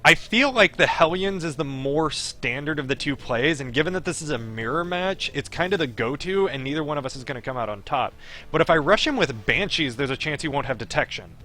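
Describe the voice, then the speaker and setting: Here a visual novel streamer, whose voice is a little high, bright and forceful, reads the narration with lots of expression at a fairly quick clip. He breaks off now and then for casual, offhand commentary.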